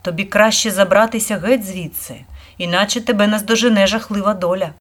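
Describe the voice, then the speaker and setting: A woman's voice: medium pitch, fairly even intonation, brisk, fairly bright tone, close to an everyday voice. A woman voicing a decisive, commanding elder sister in a read-aloud storybook, giving orders in a firm way.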